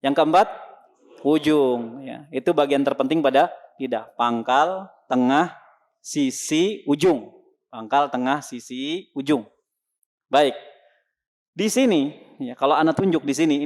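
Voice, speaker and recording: A man gives a recitation lesson to a congregation. He puts questions to the listeners and answers them himself, and he demonstrates each Arabic letter sound clearly. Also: fairly high pitch, measured pace, long pauses. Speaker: Quran recitation teacher.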